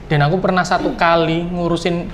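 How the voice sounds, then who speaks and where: A man hosting a podcast, telling stories in an animated, repetitive way. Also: a little high, brisk. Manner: animated storyteller, repeats words. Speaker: podcast host. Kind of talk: casual chat. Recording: echoey room with light noise.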